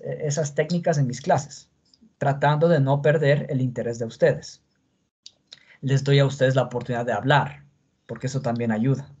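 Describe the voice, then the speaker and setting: A man's voice: on the high side, mellow, highs cut off, slight background noise. A male teacher explaining a lesson patiently and often checking in with the class.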